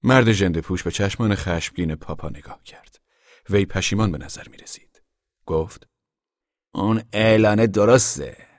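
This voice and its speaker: Man, audiobook narrator, calm measured telling, deep voice, dry close sound. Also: dry recording.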